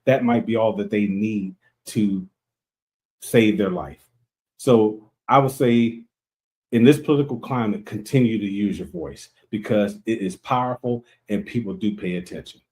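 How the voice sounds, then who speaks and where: Lowish-voiced man telling a story. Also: measured pace. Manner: animated storyteller acting out dialogue. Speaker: podcast co-host. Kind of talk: casual storytelling chat.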